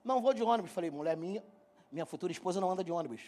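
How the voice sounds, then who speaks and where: A middle-aged man from Brazil preaching to his congregation, telling a funny personal story in a joking, animated way and speaking straight to the people. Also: high-pitched, rapid-fire. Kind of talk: humorous sermon storytelling. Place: church hall.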